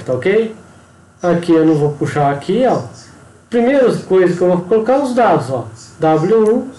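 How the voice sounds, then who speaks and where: Man, Brazilian Portuguese accent, higher voice, mellow tone, step-by-step tutorial, frequent check-in questions, echoey room. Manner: explanatory, frequent tag questions and pointing words. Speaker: engineering instructor. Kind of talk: screen-recorded tutorial walkthrough.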